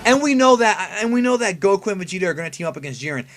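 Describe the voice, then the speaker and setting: Higher-pitched man doing emphatic anime fan commentary. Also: sing-song, very fast, a bit bright, soft background music. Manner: conversational, emphatic, asks rhetorical questions. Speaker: anime review video host. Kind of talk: casual fan commentary breaking down an episode preview.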